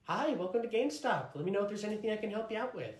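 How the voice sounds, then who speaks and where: Man as a soft-spoken female game store clerk. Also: high voice, expressive, racing, roomy sound, voice pushed up. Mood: polite. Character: polite, patient young female game shop clerk.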